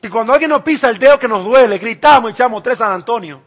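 Male preacher, high-pitched, emphatic sermon delivery, shifts from loud to hushed. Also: animated, fast talker, slightly rough. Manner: emphatic, swinging between loud cries and hushed asides.

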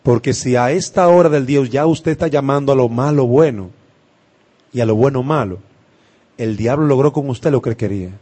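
A man preaching a sermon, impassioned, swinging from loud declarations to hushed words with emphatic pauses. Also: mid-range voice, slightly rough.

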